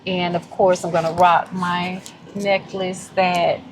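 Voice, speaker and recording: Effusive Southern woman vlogging slowly. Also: lowish voice, a little hiss or hum, rough recording. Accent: Southern American. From Southern United States. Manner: effusive, animated, heartfelt, addresses viewers as y'all. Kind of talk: casual vlog chat.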